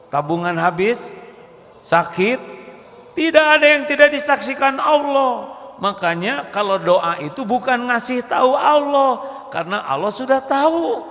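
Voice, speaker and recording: Slow, gravelly preacher. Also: male voice, medium pitch. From Indonesia. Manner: lively storytelling, acts out pleading voices. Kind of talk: Islamic sermon to a live congregation. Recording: echoey hall.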